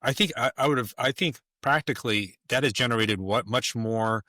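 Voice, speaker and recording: A man's voice: mid-range voice, fairly quick, bright, forceful tone, no echo, studio quality. A man talking as a podcast guest in casual conversation, emphatic and rambling, with many restarts.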